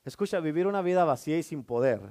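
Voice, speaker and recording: A man's voice: fairly high pitch, animated, quick pace, darkish tone. A man preaching a sermon as a pastor, emphatic, with rhetorical questions and calls for amen.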